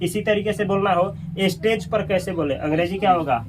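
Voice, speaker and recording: Male teacher, slightly high voice, quizzes the class and repeats their answers. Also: a little fast, noisy background. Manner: asks questions and repeats answers. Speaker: English teacher. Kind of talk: classroom grammar lesson.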